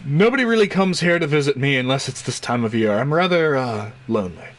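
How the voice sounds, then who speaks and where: A man's voice: medium pitch, animated, a little fast, fairly bright tone, natural voice. A man voicing a lonely old man in a tabletop game, talking in a hesitant, wondering way. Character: lonely old man who knew the wizard.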